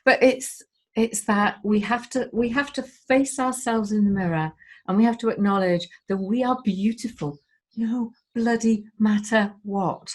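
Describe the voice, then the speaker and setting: A woman's voice: medium pitch, a little slow, darkish tone. A woman speaking as a guest in a candid conversation, heartfelt and emotional, swearing casually as she talks.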